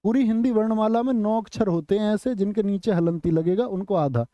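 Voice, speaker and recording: High-voiced man drilling students fast. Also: dark tone, no echo. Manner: rapid, drilling questions to students. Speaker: teacher. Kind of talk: online exam coaching lesson. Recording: slightly muffled lo-fi audio.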